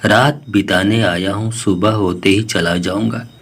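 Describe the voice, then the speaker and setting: Storybook parrot who lost his nest, soft-spoken and begging for shelter, read by a man in a low, slow voice. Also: steady tone. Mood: pleading. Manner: soft, pleading. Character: homeless grieving male parrot, gentle and pleading.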